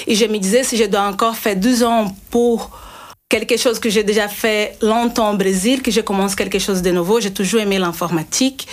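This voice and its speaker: A middle-aged woman from Brazil speaks with a Brazilian Portuguese accent as a guest on a radio interview. Her voice sits at an ordinary middle pitch. She explains things earnestly and often breaks off to restart a sentence. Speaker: guest, cybersecurity consultant.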